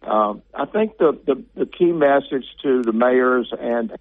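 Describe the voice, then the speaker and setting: A man's voice: mid-range voice, expressive, unhurried, no room sound. A man calling in to a radio interview as a gaming regulator, talking easily with lots of filler sounds over a phone line that keeps breaking up. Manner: easygoing, joking, many filler sounds.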